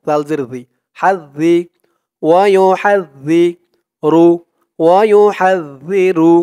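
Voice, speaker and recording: A man teaching Quran reading in a slow step-by-step lesson, breaking words into syllables and then chanting them drawn out and louder. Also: fairly high pitch.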